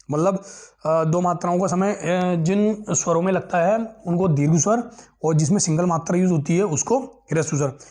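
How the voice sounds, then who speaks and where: A man with a fairly high voice teaches an exam-prep grammar lesson. He asks his class a question and answers it himself, repeats each key term and keeps checking that they follow. His delivery stays patient and drilling. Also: darkish tone.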